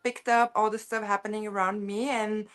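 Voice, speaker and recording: A woman's voice: medium pitch, flat delivery, moderate pace, clear, resonant tone. A woman speaks as a filmmaker guest on a podcast. Her voice sits in a middle range, and she talks in a loose, chatty way, backtracking as she explains. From Bulgaria. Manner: chatty, circles back and restarts while explaining. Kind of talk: casual podcast conversation.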